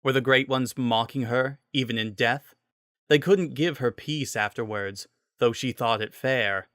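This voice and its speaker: A man's voice: mid-range voice, measured pace, fairly bright tone, dry recording, studio quality. A man reading a scripted story as its narrator, in a dramatic style.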